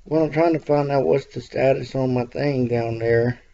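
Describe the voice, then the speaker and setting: A man's voice: mid-range voice, fairly even intonation, moderate pace, vocal fry, mellow. A man calling in with a casual inquiry, hesitant and repeating his words, on a muffled, slightly noisy phone line. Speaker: caller. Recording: muffled phone call with faint noise.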